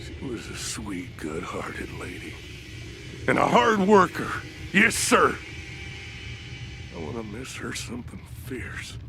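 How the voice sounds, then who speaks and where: Creaky, swooping old prospector. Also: male voice, mid-range voice, wildly swooping pitch, slow pace, pauses often, heavily acted. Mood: wistful, mournful. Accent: rural American. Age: older. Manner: old prospector drawl, folksy, cackling. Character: folksy old prospector miner, grateful, excitable, grieving. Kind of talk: video game character acting. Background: loud music.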